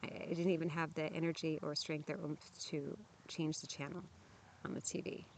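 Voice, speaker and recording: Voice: medium pitch, little pitch movement, normal speed, creaky. A speaker with a mid-range voice talks candidly to camera while sitting outdoors at a campsite in the sun. The delivery is frank, earnest and plainspoken, with frequent restarts. Faint noise and outdoor ambience sit behind the voice. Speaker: vlogger sharing lived experience of trauma. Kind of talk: candid personal talk to camera.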